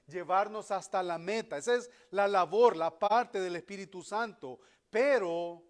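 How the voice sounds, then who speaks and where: A man preaching a sermon as pastor, emphatic, acting out the voices he quotes. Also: high-pitched.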